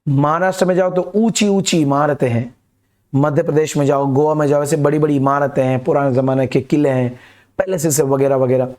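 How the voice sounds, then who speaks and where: A man's voice: a little high, fairly even intonation, brisk, a little mellow. A young man explains a lesson to students directly and mixes English words into his talk. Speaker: teacher. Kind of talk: animated classroom lesson.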